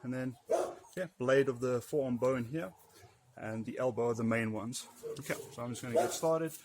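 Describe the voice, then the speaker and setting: A man coaching martial arts conditioning in an easygoing, off-the-cuff way. His voice sits at an ordinary middle pitch. Loud background noise runs under everything he says. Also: normal speed. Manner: practical, loose and unscripted, with fillers. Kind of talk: demonstrating and explaining training.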